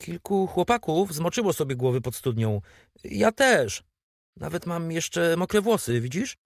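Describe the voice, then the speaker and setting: A man's voice: a little high, very animated, unhurried, no room sound, clean studio sound, voice pushed up, exaggerated voice. Tom, a man doing a cheeky boy. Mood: innocent. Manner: evasive, cocky. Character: cheeky, defiant young boy.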